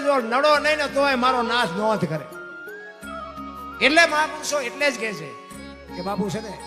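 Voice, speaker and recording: A man telling a live dayro story on stage, folksy and preachy, calling his listeners bapu. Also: high-pitched. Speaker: folk storyteller. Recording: reverberant hall with music behind.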